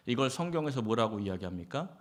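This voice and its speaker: A man's voice: mid-range voice, big pitch swings, fast. A male pastor giving a Sunday sermon in a conversational way, asking the congregation questions and acting out short quotes. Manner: conversational preaching with acted quotes and rhetorical questions.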